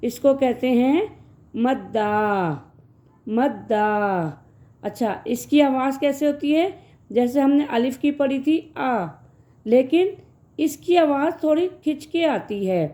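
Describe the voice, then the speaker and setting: A woman with a fairly high voice teaches young children to read. She stretches each sound out slowly and repeats it, then explains in quicker, gentle sentences as if speaking to her own pupils. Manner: slow drawn-out syllables, then quick explanations; gentle, calls listeners "beta". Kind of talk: children's reading lesson.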